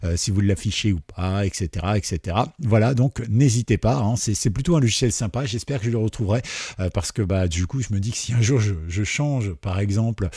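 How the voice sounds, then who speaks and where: A man hosting a screen-recorded software tutorial, talking in a relaxed, chatty way with many fillers. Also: lowish voice, a little fast, husky, no echo, clean studio sound. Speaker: tutorial host.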